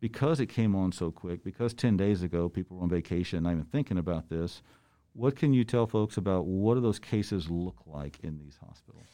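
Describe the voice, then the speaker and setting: A middle-aged man hosting a podcast interview through a face mask, slightly muffled, speaking earnestly and haltingly with repeated words. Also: deep voice, expressive, mellow. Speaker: podcast host.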